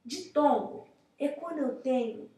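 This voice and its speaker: A young Brazilian woman teaches grammar in a chatty, casual way, and her voice sits a little high. She keeps checking in with her viewers as she explains. The recording carries a noticeable room echo. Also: a little slow, dark tone. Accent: Brazilian Portuguese. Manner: chatty, addresses viewers with frequent check-ins. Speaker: teacher presenting a grammar lesson. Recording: echoey room.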